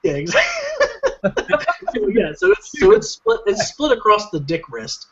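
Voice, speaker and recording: A man's voice: extremely high pitch, normal speed, lo-fi sound, background noise. A man telling a long story on a casual comedy podcast, rambling with lots of fillers. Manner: rambling, filler-heavy, animated retelling. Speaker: podcast co-host.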